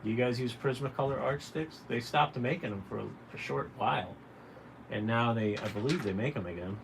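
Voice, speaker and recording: Speaking briskly at a medium pitch, a man runs a laid-back, folksy drawing lesson on his livestream. As a caricature artist and host, he talks straight to his audience in an encouraging way, with obvious noisy room ambience behind him.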